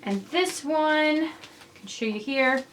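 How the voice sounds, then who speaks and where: A young woman vlogger chatting casually and excitedly through an unboxing, rambling as she goes. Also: high-pitched, slow, a little hiss or hum, poor audio. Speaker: fashion vlogger.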